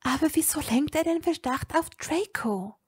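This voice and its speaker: A woman's voice: high-pitched, lively intonation, normal speed, voice pushed up. Woman voicing a fierce young witch. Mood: worried. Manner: urgent, scolding, resolute.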